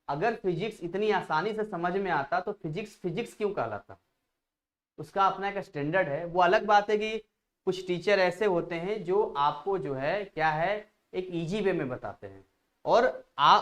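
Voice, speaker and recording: A man's voice: high-pitched, a bit bright. Guy teaching physics live, talks a lot, repeats stuff to drill it in. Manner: chatty, digresses, repeats phrases to drill a point. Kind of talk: live online class lecture.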